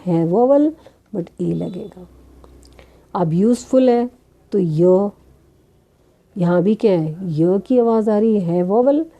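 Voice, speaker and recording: Patient woman teaching with a very dark voice. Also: mid-range voice. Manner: patient, questions students and answers herself; addresses students as children. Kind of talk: grammar lesson for students.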